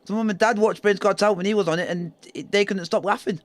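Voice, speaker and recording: A young man, chatting excitably and laughing often on a live football watchalong stream. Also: sits high, fast talker.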